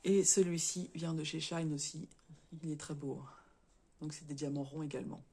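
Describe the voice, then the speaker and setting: A woman with a cold talks through a casual show-and-tell vlog, her voice a little hoarse, stuffy and short of breath. She speaks haltingly, stumbling over words, restarting sentences and tagging them with little fillers. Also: sits low, fairly even intonation, warm tone. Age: adult, married. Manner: chatty, tags sentences with "hein". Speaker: crafts vlogger.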